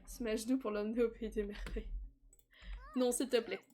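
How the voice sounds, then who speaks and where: A young woman offers relaxed, talkative commentary while live-streaming a life-sim game, frequently laughing and squealing with excitement. Her voice sits a little high, and her delivery is a little slow.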